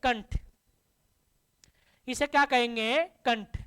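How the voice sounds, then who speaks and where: High-voiced, slow-paced woman teacher. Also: fairly even intonation, fairly bright tone, smooth. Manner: asks questions and answers them herself, drilling terms; addresses listeners as dear children. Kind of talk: classroom lesson.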